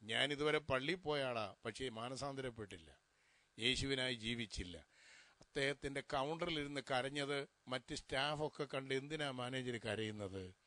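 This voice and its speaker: A man's voice: medium pitch, moderate pace, sharp tone. A male pastor delivering a funeral sermon, putting rhetorical questions to the mourners.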